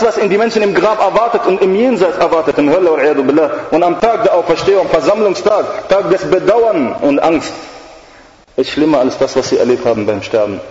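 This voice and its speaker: A man's voice: on the high side, darkish tone. Earnest male preacher in an echoey hall. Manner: earnest and emphatic, with Arabic religious phrases. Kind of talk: sermon. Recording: echoey hall, dull sound.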